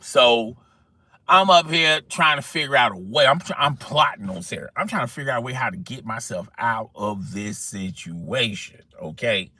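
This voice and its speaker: A young man telling a story in casual slang, animated and talking straight to his listeners. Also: mid-range voice, normal speed, dry recording.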